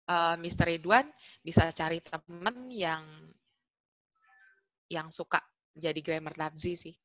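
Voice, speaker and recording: A woman English tutor answering webinar questions in a chatty, animated way, often correcting herself. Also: lowish voice, unhurried, no echo, poor audio.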